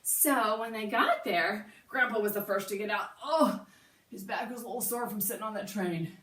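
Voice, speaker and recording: A woman music teacher telling an animated, playful story in a lesson for young children. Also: medium pitch, moderate pace.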